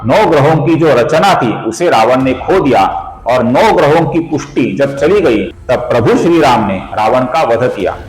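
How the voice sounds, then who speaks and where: Guy doing a pronunciation lesson, slow careful syllables, roomy echo. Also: medium pitch, expressive. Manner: patient, slows down to spell out syllables; addresses viewers as friends. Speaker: Sanskrit pronunciation teacher. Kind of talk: video lesson on chant pronunciation.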